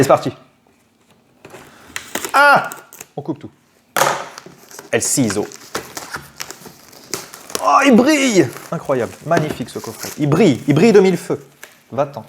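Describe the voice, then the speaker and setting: A man with a French accent talks casually as he opens a box of trading cards, his voice rising and falling in a lively, animated way. He swears freely and breaks into loud, high shouts when something excites him. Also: background noise. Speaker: card-opening youtuber. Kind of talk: casual unboxing chat.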